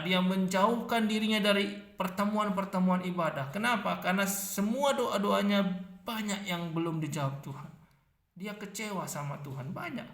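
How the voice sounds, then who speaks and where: A man's voice: high voice, fairly bright tone, roomy sound. A man preaching a sermon, emphatic, building his points through repeated phrases.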